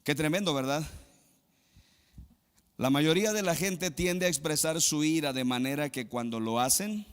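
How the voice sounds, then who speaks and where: A male pastor from Mexico preaching a sermon, moving between loud emphatic exclamations and quiet low asides. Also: long reverb tail.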